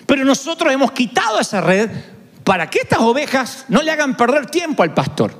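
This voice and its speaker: A man's voice: extremely high pitch, sing-song, fairly quick, fairly bright tone. A male pastor preaching a sermon, acting out the words of the people he quotes. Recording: echoey hall with long reverb.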